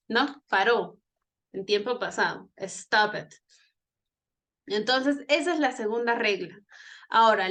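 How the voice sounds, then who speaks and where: A woman's voice: fairly high pitch, pushed and bright. A woman teaching an online English grammar class, explaining patiently, repeating herself and checking in with her students. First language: Spanish.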